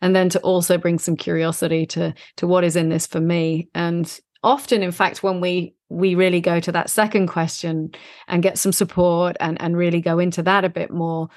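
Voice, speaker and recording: A woman hosting a podcast, speaking gently and thoughtfully and affirming her guest. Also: fairly low pitch, little pitch movement, moderate pace, dry recording, clean studio sound. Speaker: podcast host. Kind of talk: casual chat.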